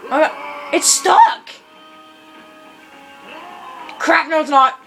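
A young woman casually commentating a video game, hyper and laughing often, squealing into high pitches. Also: unhurried, vocal fry, music in the background, rough recording. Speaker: gameplay commentator. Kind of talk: casual let's-play commentary. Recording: background noise.

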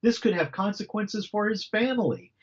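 A man's voice: high voice, moderate pace, highs cut off. A middle-aged man, an author, explaining early church history in a conversational, teacherly way with frequent asides. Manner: animated, explanatory, with frequent "you know" and repeats. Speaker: author and guest on a faith podcast.

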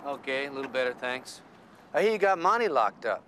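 A man's voice: medium pitch, very animated, brisk, fairly bright tone. An actor playing a wry, folksy middle-aged man in a TV drama. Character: wry middle-aged male acquaintance advising a detective. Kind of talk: TV drama acting. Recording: faint outdoor traffic noise.

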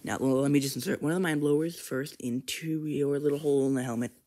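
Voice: medium pitch, steady tone, fast, dark tone, close to an everyday voice. A fan voicing a stammering, cranky male scientist grandpa in a plush toy comedy skit, full of fillers and sly teasing. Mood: mischievous.

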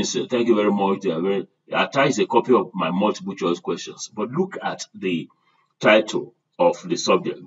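A man's voice: on the low side, slightly rough, far from the mic, lo-fi sound. An older man giving a screen-share lesson, talking straight to his class and asking them to repeat after him. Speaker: online course instructor.

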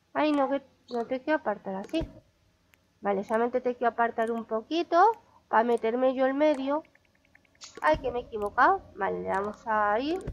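Chatty high-voiced woman with a Spain Spanish accent. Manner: chatty, exclamatory, talks to viewers. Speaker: gaming vlogger. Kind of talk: casual gameplay commentary. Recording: dull lo-fi sound.

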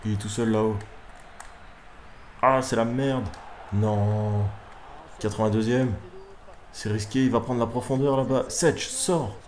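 A young man commentates his own football video game match live, excitable and quick to swear at his players. His voice sits low, with a faint hum of room noise underneath. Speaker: gaming YouTuber. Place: room at home at night.

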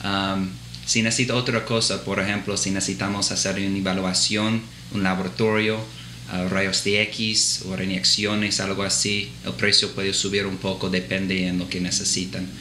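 In a reverberant clinic office with a little background noise, this thirties-aged physician assistant gives interview answers in Spanish. A native English speaker, he learned the language in the Dominican Republic and keeps an American accent. His voice sits low with little pitch movement, sounds pushed and bright at normal speed, and he stumbles often with filler sounds and restarts.

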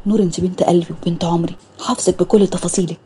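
A confident young male surgeon speaks smoothly and reassuringly in an Egyptian accent, as a woman voices him. His voice is dark and husky. He talks very fast in this storybook reading. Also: fairly low pitch, fairly even intonation. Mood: affectionate. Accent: Egyptian Arabic.

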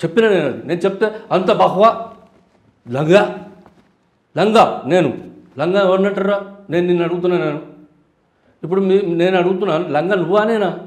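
A man's voice: high voice, fast talker, a little mellow, reverberant. An older man with a Telangana Telugu accent, a politician answering interview questions in an angry, accusatory way, challenging a rival directly. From Telangana, India.

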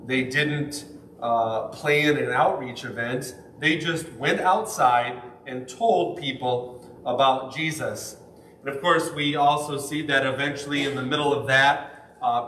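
A man's voice: fairly high pitch, bright, forceful tone, distant mic, a little hiss or hum. A man preaching a sermon as pastor in a church, talking in a conversational way with rhetorical questions and stressed words. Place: church sanctuary. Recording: echoey room, speaker off the mic.

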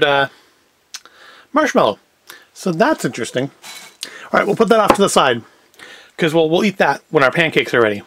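A man with a high, slightly bright voice hosts a food review show, giving an unscripted, casual product review full of wry, self-deprecating asides. He's at an indoor tabletop set, recorded dry and clear, with clicks and crinkling packaging in the background.

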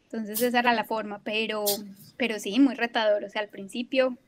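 A woman's voice: fairly high pitch, steady tone, brisk, noisy background. Young Colombian woman, fillers and restarts. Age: young adult. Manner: hesitant, many fillers and restarts. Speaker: guest, climate risk analyst. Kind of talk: conversational interview answers. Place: at work in Bermuda.

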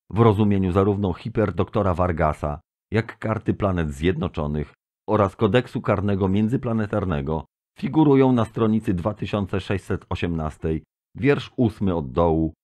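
A booming, stentorian tentacled alien delegate, put on by a man reading an audiobook, orating with grand pomposity. He thunders out accusations in a deep, low register. It sounds like a lofty speech before an assembly. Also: a little mellow, lightly acted. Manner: pompous oratory, denouncing.

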